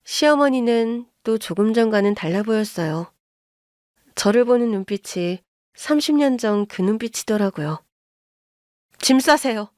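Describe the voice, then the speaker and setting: A woman narrating a scripted first-person story in a slow, confessional way. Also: fairly high pitch, animated, a little mellow, no room sound, studio quality.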